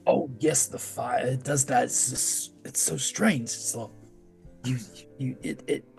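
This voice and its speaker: A man's voice: mid-range voice, creaky, a little mellow, faint music behind. Man playing a stammering, evasive monster hunter. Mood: puzzled, rambling. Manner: stammering, halting, hedging. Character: nervous, evasive male monster hunter in the Feywild.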